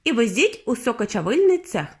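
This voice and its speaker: A woman's voice: big pitch swings, brisk, husky, exaggerated voice. Woman doing a sighing eccentric candy maker. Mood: rueful. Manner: lower, sighing, apologetic.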